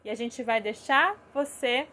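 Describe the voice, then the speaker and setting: Brazilian lady doing a chill live talk, soft explainy tone, says "né" a lot, voice on the higher side. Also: a little slow. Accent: Brazilian Portuguese. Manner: gentle, explanatory, frequent "né?". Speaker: parenting educator.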